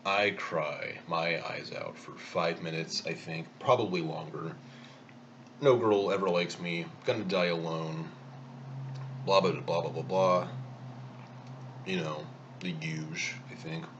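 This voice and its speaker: Casual vlogger, male, deep voice, rambling self-deprecating storyteller, somewhat muffled audio. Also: unhurried, fairly bright tone, a little hiss or hum. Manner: rambling, self-mocking anecdote with chuckles. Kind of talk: casual storytelling while eating.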